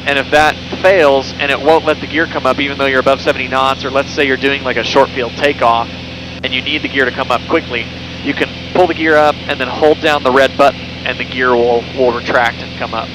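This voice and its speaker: A young man with a brisk, mid-range voice gives a relaxed cockpit tour of a small airplane in flight, talking through a headset boom mic. His casual walkthrough is full of fillers and self-corrections, and the steady engine drone comes through the intercom.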